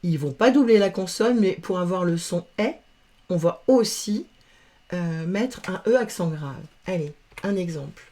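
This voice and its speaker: Slow, patient grammar teacher, woman. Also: on the low side, expressive, warm tone. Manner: patient, spells out letters and sounds. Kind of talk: slow, careful grammar lesson.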